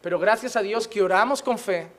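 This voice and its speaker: A man's voice: sits high, brisk. A man preaching a sermon as a pastor, impassioned and emphatic, with touches of humor.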